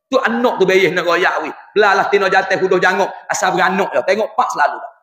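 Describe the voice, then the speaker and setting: A man, preaching a religious lesson in an animated, folksy way. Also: high-pitched, quick pace, roomy sound, big-room sound. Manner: folksy, animated, mixes scripture with dialect. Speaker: religious teacher. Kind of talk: Islamic sermon in local dialect.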